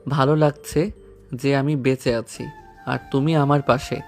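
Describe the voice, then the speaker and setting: A woman voicing a wounded young man who speaks slowly through his pain, a storybook hero in a hospital bed. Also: very deep voice, steady tone, a little mellow, faint music behind, pitched below the performer's own voice. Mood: weak, tender. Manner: slow, strained from pain.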